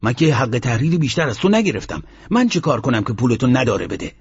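A man narrator voicing an arrogant, domineering male cleric who shouts scornfully. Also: medium pitch, very animated, breathy edge, highs cut off, heavily acted.

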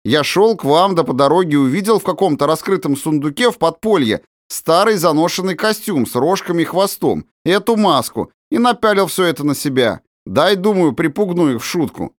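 A man's voice: a little high, animated, fairly quick, hardly any pauses, no room sound, clean studio sound, voice pushed up, close to an everyday voice. A man voicing a cheerful teenage prankster with a ringing laugh who teases his friends, in an audiobook. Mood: merry teasing. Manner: laughing, teasing. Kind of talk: audiobook character voice.

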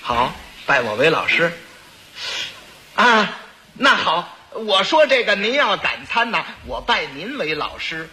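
A man's voice: high-pitched, big pitch swings, slow, pushed and bright, full character voice. A man voicing a scheming court minister who protests in a wheedling, stammering way. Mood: sly.

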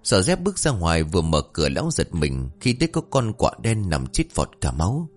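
Man, storyteller, folk ghost story, low voice, animated delivery. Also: brisk, faint music behind. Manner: lively, expressive narration.

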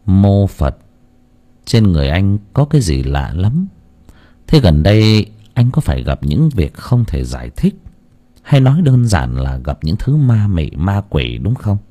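A man voicing a calm Buddhist monk in an audio story, speaking in a solemn, measured way. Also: deep voice, exaggerated voice. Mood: probing.

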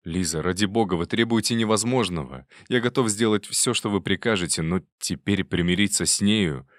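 A man voicing a heartsick man in love with a pleading, low, heartfelt manner. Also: a little fast, no room sound, clean studio sound, close to an everyday voice.

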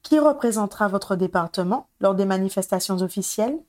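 A woman's voice: medium pitch, expressive, fairly quick, a little mellow, no room sound, studio quality, close to an everyday voice. A woman reading the lines of a weary grown-up male wizard hero, terse and guarded, in a storybook.

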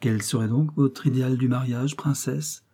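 Man voicing a soft-spoken, composed suitor, mellow and a little husky. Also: medium pitch, fairly even intonation, normal speed. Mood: quiet. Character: composed young male suitor, quiet and firm.

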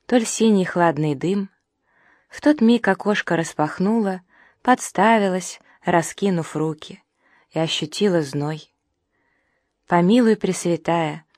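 A woman narrating a novel as an audiobook reader, reading rhythmic, archaic prose in a measured, solemn way. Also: on the low side, a little mellow, dry recording, studio quality. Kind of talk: scripted literary narration.

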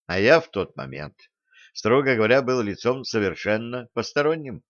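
A man voicing a reserved young lieutenant who speaks in a quiet, measured, formal way, on a dry, slightly dull recording. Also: mid-range voice, gravelly, dry recording, close to an everyday voice. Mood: earnest. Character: young earnest male lieutenant, reserved and thoughtful.

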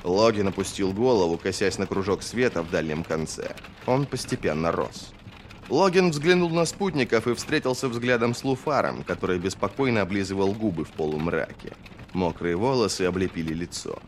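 A man narrating a fantasy novel as an audiobook in a steady, expressive reading. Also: sits low, a little hiss or hum.

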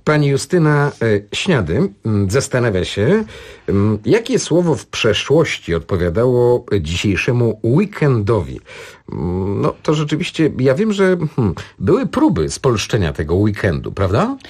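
A man's voice: medium pitch, wildly swooping pitch, unhurried, a little mellow, slightly rough. A man hosting a radio talk show in a studio, conversational and chiming in with questions. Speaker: radio host. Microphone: studio microphone.

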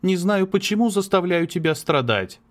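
A man voicing a cold, tormented young woman, curt and sharp, in an audiobook. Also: high voice, expressive, moderate pace, voice pushed up. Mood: cold, bitter. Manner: sharp, curt, breaking into sobs. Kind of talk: audiobook character reading.

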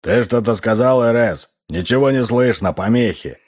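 A man's voice: mid-range voice, normal speed, a little mellow, voice pushed up, lightly acted. Man voicing a bitter, blunt station chief. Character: weary, embittered male station chief.

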